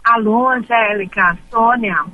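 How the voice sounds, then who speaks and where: A woman's voice: a little high, slow pace, phone-quality sound. A woman calling in to a radio show, heard over the phone from her car, chatty and affectionate. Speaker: radio call-in listener. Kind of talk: casual call-in chat. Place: in a car, driving.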